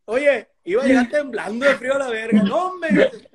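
High-pitched man telling a crude joke. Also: brisk. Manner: crude slang-heavy storytelling, acts out quoted characters. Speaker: host. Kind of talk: casual chat, joke telling.

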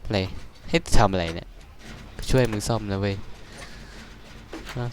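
A young man giving casual, excitable game commentary, swearing crudely and yelping at scares. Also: lowish voice, measured pace, slight background noise. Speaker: gaming streamer.

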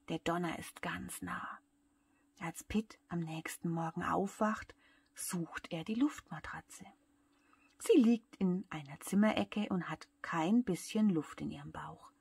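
Soft breathy woman reading a bedtime story. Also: on the low side, dry recording. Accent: German. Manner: soft, often whispered, talks to children. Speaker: childcare worker reading aloud.

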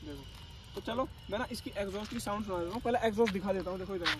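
Young male bike vlogger, high-pitched and chatty, outdoors with faint street noise behind. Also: very fast. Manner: chatty, addresses viewers as bhai, directs cameraman. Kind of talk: casual vlog walkthrough. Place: outdoors by the roadside at dusk.

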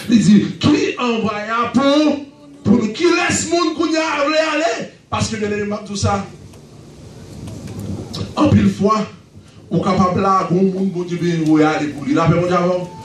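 A man with a Haitian accent preaching a fervent sermon, breaking into shouted bursts and returning to a repeated refrain. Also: high-pitched, steady tone, a little slow, faint music behind. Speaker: pastor. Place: church sanctuary. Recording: echoey church recording from far off.

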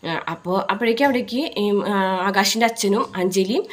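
A woman casually retelling a TV serial episode in a chatty storytelling style. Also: medium pitch. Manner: rapid, chatty retelling with fillers. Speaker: serial recap narrator.

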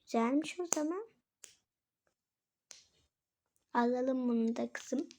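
A woman's voice: high voice, moderate pace, dark tone, a little hiss or hum, natural voice. A woman voicing a flustered, scatterbrained mother who shops with her daughter during toy play, exclaiming, scolding and mocking herself. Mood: fussing.

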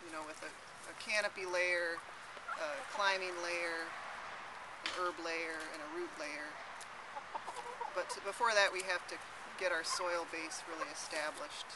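A woman's voice: on the low side, fairly even intonation, unhurried. A young woman who runs an urban farm, answering interview questions in a thoughtful way with many fillers and restarts. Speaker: urban farmer. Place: outdoors in a city garden. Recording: loud outdoor background noise.

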